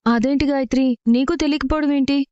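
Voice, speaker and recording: An actress as a persistent young wife, slightly high pitch, dull dry audio. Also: female voice, fairly even intonation, a little fast, a little mellow, no room sound, lightly acted. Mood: earnest. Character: earnest young married woman seeking help. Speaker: actor in a TV serial. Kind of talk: TV serial acting.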